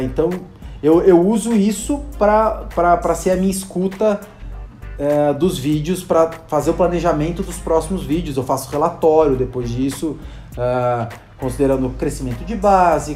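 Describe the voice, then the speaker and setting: Speaking on the high side in a dark tone at normal speed, a Brazilian video creator and hospital clown shares stories casually in a Brazilian Portuguese accent. The sound is reverberant with faint music behind, and he fills his talk with fillers and acted-out quotes.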